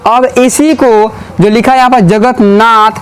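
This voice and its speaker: Speaking a little slowly, a man with a high-pitched, smooth, steady voice teaches a classroom grammar lesson. He repeatedly throws questions at the class and repeats each answer back to them.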